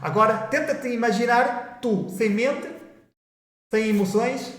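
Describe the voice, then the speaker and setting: A spiritual video host with a European Portuguese accent delivers an informal monologue that rambles and repeats, restarting sentences and mocking people's excuses. His voice is very high, slow, and fairly bright, in a reverberant space.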